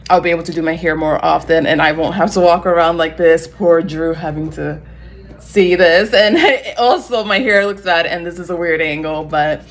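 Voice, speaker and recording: A young woman vlogging casually to her phone camera at home, rambling with lots of fillers and rushing when nervous. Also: low voice, vocal fry. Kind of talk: casual vlog talk to camera. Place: home, on a couch.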